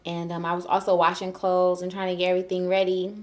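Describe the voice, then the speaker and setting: A young woman, telling a story casually and animatedly, laughing often and acting out her own shouting. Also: fairly low pitch, monotone, quick pace. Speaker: new mother vlogger.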